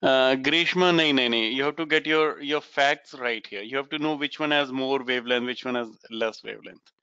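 Male online tutor, Indian accent, encouraging and chatty, Hindi-English mix, smooth bright voice, slightly muffled recording. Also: mid-range voice, fast, dry recording. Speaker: physics teacher. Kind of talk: informal online lesson, explaining problems to students. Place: indoors, online class over webcam.

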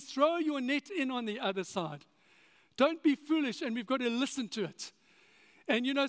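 A man preaching a sermon as a pastor, telling stories with frequent chuckles and lively asides. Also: high-pitched. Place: church sanctuary. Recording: long church reverb.

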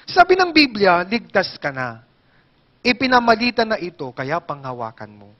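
High-voiced pastor preaching animatedly. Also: male voice, normal speed, muffled recording. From Philippines. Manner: animated, jokes with congregation, asks questions. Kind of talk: sermon. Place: church hall.

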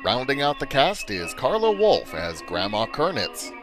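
A man's voice: medium pitch, wildly swooping pitch, unhurried. A man narrating in the style of an old-time newsreel announcer, with a brassy, punchy delivery and period slang. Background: music playing under the voice.

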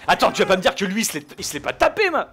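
A man giving live, jokey gameplay commentary, shouting out his kills. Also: sits high, big pitch swings, rapid-fire, slight background noise. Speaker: gaming video host.

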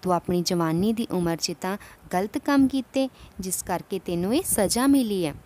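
A woman voicing a gentle, wise male saint who teaches in a calm, instructive way in a devotional story. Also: high-pitched, normal speed. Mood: admonishing.

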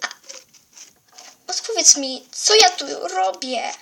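A woman's voice: high voice, fairly even intonation, extremely slow, pushed and bright, slight background noise, heavily acted. A young female performer voicing a frightened lost female pet in a fan drama, calling out anxiously and pleading for answers.

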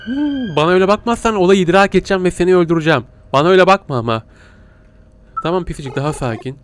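A man's voice: high-pitched, expressive, rapid-fire, slight background noise. A man commenting on a horror game as he plays, yelping and laughing when scared and talking to his viewers and the creatures. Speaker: gaming streamer.

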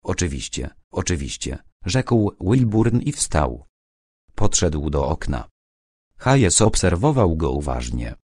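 Male audiobook narrator, very deep and lively in pitch, dry close sound. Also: slow, husky, no echo. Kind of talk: scripted crime-novel narration.

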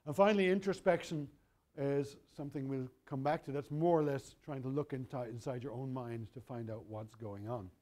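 A man's voice: medium pitch, normal speed, a little mellow. A middle-aged man, giving a university lecture in a wry, conversational way, often correcting himself mid-sentence.

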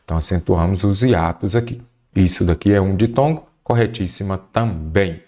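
A man's voice: low-pitched, mellow. A man teaching a Portuguese grammar lesson for an exam, explaining step by step and answering his own questions. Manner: stretches key terms slowly for emphasis.

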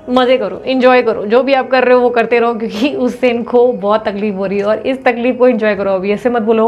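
A woman's voice: on the high side, darkish tone, dull audio. A woman reading tarot for her viewers in a chatty, teasing way, often acting out quoted lines. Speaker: tarot reader.

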